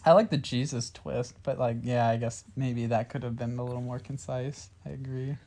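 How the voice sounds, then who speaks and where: A woman's voice: a bass voice, fairly even intonation, normal speed, dark tone. A woman co-hosting a casual chat about a movie, playfully defending it and arguing back. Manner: playful, defends the film, many "like" fillers. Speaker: podcast co-host.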